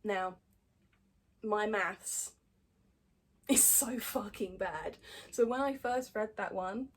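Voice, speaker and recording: A woman with a medium-pitched voice speaks slowly, hosting a podcast and casually reading out fan messages. She's blunt and sweary, tossing in sarcastic asides.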